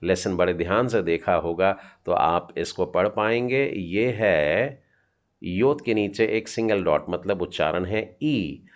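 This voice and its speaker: A man with a deep, low voice teaches a children's Hebrew lesson at an unhurried pace. He sounds out each letter patiently and cheers his young students on. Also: expressive, dull audio.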